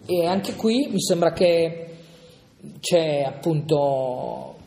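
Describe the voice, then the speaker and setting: A man's voice: on the high side, lively intonation, drawn-out words, dark tone. A man leading an informal Bible lesson, thinking aloud and often checking in with a questioning "no?". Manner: hesitant, thinking aloud, frequent "no?" asides. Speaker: Bible study leader. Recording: long reverb in a hall.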